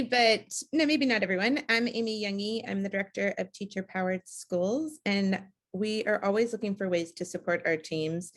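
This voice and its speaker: A woman who directs an education network, introducing herself on a video call in an upbeat way. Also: lowish voice.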